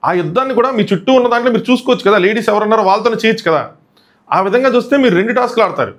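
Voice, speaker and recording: A man's voice: high voice, expressive, very fast. A man giving casual commentary as a TV show reviewer, recapping in a chatty way that mixes in English words. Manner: acts out quoted lines from the show.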